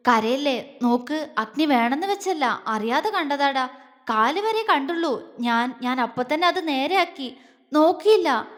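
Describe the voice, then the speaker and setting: A tender young husband in an audio romance, coaxing and affectionate, who stammers when flustered, as a woman narrator plays him. The voice sits fairly high and rings in a long reverb. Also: animated, normal speed. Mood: pleading.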